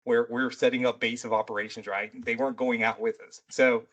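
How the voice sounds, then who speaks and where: Male podcast host, mid-pitched, casual, chatty and rambling, military background. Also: flat delivery, brisk, a bit bright, lo-fi sound. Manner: loose and rambling, full of "you know" and "right". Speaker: military veteran.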